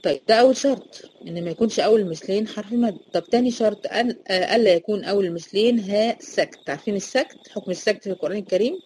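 A woman's voice: medium pitch, rapid-fire, darkish tone, a little hiss or hum, poor audio. A woman teacher with an Egyptian accent explaining a recitation lesson, asking questions and answering them herself. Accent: Egyptian Arabic.

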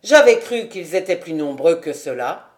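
Woman reading as a cold, calm captain. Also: fairly low pitch, pitched below the performer's own voice, close to an everyday voice. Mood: cool. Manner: cold, measured, unhurried. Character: cool, calm male army captain.

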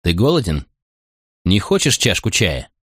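A man's voice: deep voice, huge pitch swings, a little slow, fairly bright tone, no echo, clean studio sound, exaggerated voice. A man voicing a firm, terse queen in an audiobook reading.

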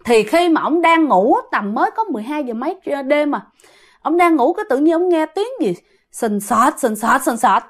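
A woman's voice: high-pitched, very animated, moderate pace. A woman with a Southern Vietnamese accent telling a ghost story casually, often addressing her listeners directly.

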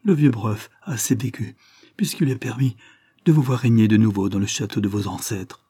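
A man's voice: on the low side, fairly quick, dark tone, breathy edge, no echo, clean studio sound. A man voicing an old, loyal male estate steward who talks in an agitated, pleading way. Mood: tearful devotion.

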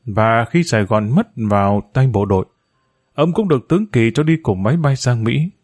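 A man narrates an audiobook chapter in a measured storytelling manner. His voice sits at an ordinary middle pitch for a man. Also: animated, darkish tone.

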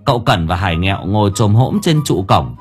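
A man narrating a comic story in a lively, playful storytelling manner. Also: on the low side, a little fast. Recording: faint background music.

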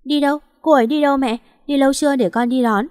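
Woman voicing a desperate young husband, urgent and pleading, raised pitch, storybook read. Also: steady tone, fast talker, darkish tone, dry recording, studio quality, long reverb tail, close to an everyday voice. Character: desperate young man searching for his wife.

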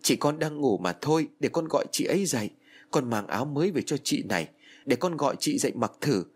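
A man's voice: medium pitch, expressive, moderate pace, voice pushed up, lightly acted. A man voicing a desperate young woman in grief. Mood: frantic. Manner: pleading, insistent. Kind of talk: audiobook narration.

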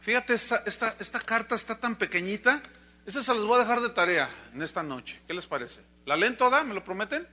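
Bright-voiced pastor preaching. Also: male voice, sits high, fairly quick. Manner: animated storytelling, acting out the animals' voices. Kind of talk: sermon.

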